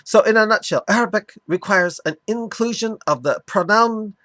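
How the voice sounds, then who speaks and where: A man's voice: high-pitched, normal speed, pushed and bright, no room sound, voice pushed up. A man doing a lecturing Pakistani man, mock accent. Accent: mock foreign accent. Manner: earnest, lecturing.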